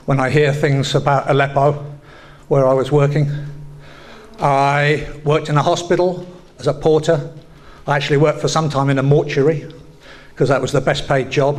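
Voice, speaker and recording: An older man in his sixties speaks to a community gathering with plain, measured advice and a dry bit of humor. His voice sits a little higher than average. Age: 60s. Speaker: community worker. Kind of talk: public speech at a community event.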